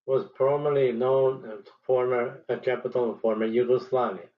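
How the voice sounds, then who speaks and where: A man in his sixties from Serbia, giving a measured, deliberate teaching presentation as a statistics professor. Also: medium pitch, fairly even intonation, narrow, tinny audio. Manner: deliberate, measured lecturing with pauses.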